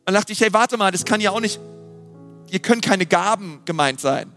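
A man giving a lively, emphatic sermon with dramatic questions. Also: high voice, normal speed, faint music behind. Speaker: preacher.

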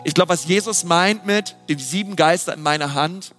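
A man giving a lively, emphatic sermon with dramatic questions. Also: high voice, moderate pace, soft background music. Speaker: preacher.

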